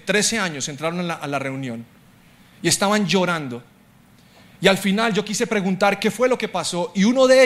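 A middle-aged man preaching a sermon as a pastor, telling stories and swinging from loud declarations to hushed asides. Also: sits high.

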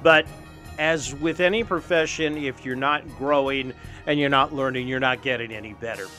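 A man's voice: mid-range voice, normal speed, sharp tone, soft background music. A man hosting a sports show, talking and reading ads energetically in punchy, emphatic short phrases. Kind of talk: energetic sports talk and ad read.

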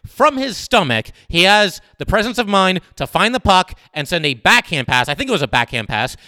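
A man hosting a solo sports podcast, breaking down a play with animated, emphatic talk and frequent fillers. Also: sits high, moderate pace, no room sound, studio quality.

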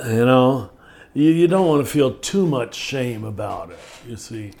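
Lively intonation and a darkish tone mark this older man's mid-range voice. Acting as a spiritual teacher on a podcast, he stays measured and reflective, slowing on the words he wants to stress.

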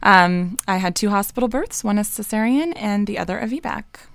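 Brief: thirties woman host, chatty and upbeat, gravelly edge. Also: mid-range voice, animated, brisk, dry recording. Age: 30s. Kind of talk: casual podcast hosting.

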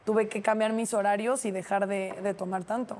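A woman's voice: mid-range voice, little pitch movement, moderate pace, a little mellow, slight background noise. A woman with a Mexican accent, co-hosting and chatting casually about her own habits. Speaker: co-host. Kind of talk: casual chat.

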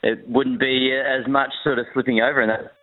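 A man, a newspaper sports reporter, talks through a football game frankly and with pauses, his voice coming over a crackly phone line that cuts in and out. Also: medium pitch, little pitch movement, dry recording. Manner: frank, measured, with many hesitations. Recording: tinny dry phone line.

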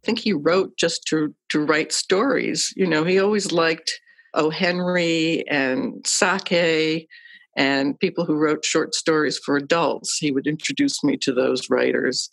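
A woman's voice: low-pitched, unhurried, vocal fry, no room sound. A woman interviewee talking reflectively, thoughtful and a little hesitant.

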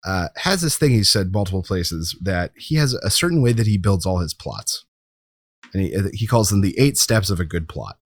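A podcast host chats casually about films, his low voice very animated at a normal pace as he leans on key words in an informal way. The recording is dry, with clean studio sound.

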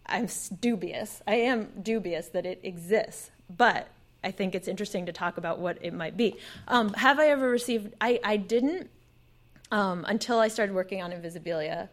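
A woman in a casual panel conversation, with a middling pitch. She is animated and leans hard on words for emphasis, speaking as a podcast guest among peers. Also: normal speed.

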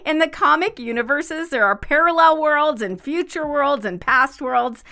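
A woman's voice: sits high, moderate pace, bright, forceful tone. A woman in her sixties co-hosting a casual podcast chat, enthusiastic and laughing often. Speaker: podcast co-host.

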